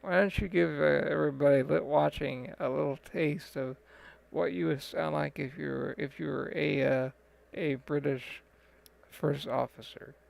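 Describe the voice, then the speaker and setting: A man's voice: a little high, fairly even intonation, moderate pace, gravelly, low-quality recording. A man giving casual, rambling live-stream commentary on a flight sim, full of fillers and restarts.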